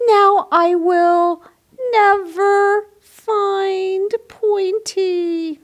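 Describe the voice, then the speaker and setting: A woman's voice: very high-pitched, steady tone, extremely slow, voice pushed up, exaggerated voice. A woman voicing a tiny, innocent young dinosaur who speaks in simple, solemn declarations, in a children's picture book read-aloud. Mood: alarmed, regretful.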